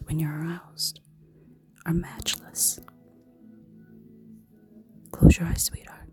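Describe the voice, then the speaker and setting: Woman playing a slow, dark-toned succubus who whispers low and breathy, with faint music behind. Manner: slow, teasing, commanding. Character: seductive, menacing female succubus. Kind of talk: erotic audio roleplay.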